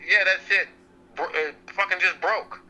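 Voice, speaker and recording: Casting: a bright, high-voiced man calling in on speakerphone, blunt and swearing freely. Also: steady tone, normal speed, poor audio. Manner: blunt, profane, laid-back storytelling. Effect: heard over a phone on speakerphone. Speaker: friend called in by phone. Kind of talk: casual chat.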